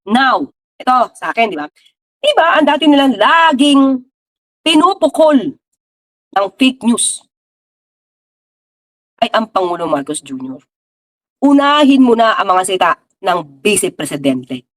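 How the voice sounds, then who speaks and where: A woman's voice: on the high side, big pitch swings, a little slow, pauses often. A woman giving casual political commentary, talking straight to her viewers with rhetorical questions and English mixed in. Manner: mixes English into her talk.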